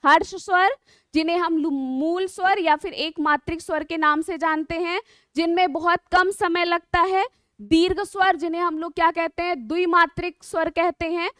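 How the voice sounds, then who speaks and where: A woman with a very high voice teaches an online exam-prep lesson, drawing out her words and asking her students rhetorical questions. The sound is dry and close, with no room around it. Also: a bit bright, dry recording. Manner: patient, drawn-out explaining with frequent rhetorical questions to students.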